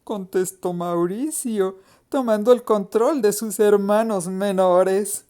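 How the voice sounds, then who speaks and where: Slow expressive woman storyteller. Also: mid-range voice. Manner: slow, expressive, suspenseful reading. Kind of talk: storybook narration.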